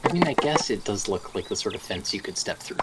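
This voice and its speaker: A man's voice: lowish voice, big pitch swings, fast, loud music behind the voice. A man chatting casually and playfully as he comments on a game being played. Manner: playful, bantering. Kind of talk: casual gameplay chat.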